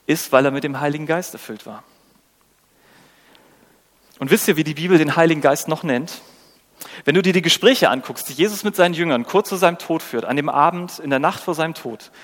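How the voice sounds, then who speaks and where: A man's voice: fairly high pitch, fairly bright tone. A man preaching a sermon, engaging and conversational, often asking the listeners questions and acting out quoted lines. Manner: engaging, asks rhetorical questions, acts out quotes. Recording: long reverb of a hall.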